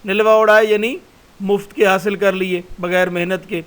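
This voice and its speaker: A man's voice: high-pitched, level tone, a bit bright, rough recording. A man, a college lecturer, reading a passage aloud in a recorded class and explaining it word by word.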